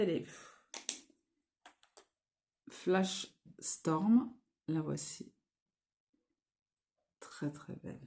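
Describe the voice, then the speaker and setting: A beauty vlogger with a low, darkish voice casually shows and swatches makeup at home. Her talk is hesitant, full of fillers and restarts.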